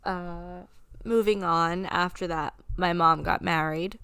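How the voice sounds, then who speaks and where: A woman's voice: lowish voice, fairly even intonation, slow pace, fairly bright tone, clear, resonant tone, no room sound. A woman in her twenties co-hosting a casual podcast chat, talking candidly with some swearing and sometimes close to tears. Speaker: podcast co-host.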